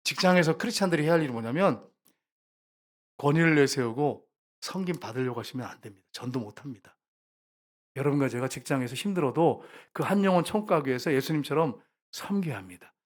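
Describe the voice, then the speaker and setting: A male pastor delivers a Korean sermon in a church sanctuary. His voice sits slightly high for a man. He swings between quiet explanation and loud, emphatic appeals to the people in front of him. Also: expressive, fast. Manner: emphatic, rising to loud repeated calls to the congregation.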